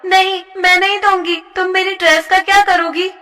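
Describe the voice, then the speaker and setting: A woman voicing a timid, bullied schoolgirl in a high, pleading childlike voice, in a cartoon story. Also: flat delivery, normal speed, bright, forceful tone, in a large hall, recorded from a distance.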